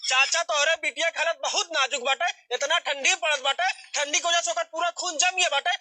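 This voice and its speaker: A man speaks bluntly in a village comedy skit, with Bhojpuri-flavoured Hindi. His voice is very high and bright, and the sound is close and dry. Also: steady tone, fairly quick, no echo. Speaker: comic actor in village skit. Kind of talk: rustic comedy skit acting.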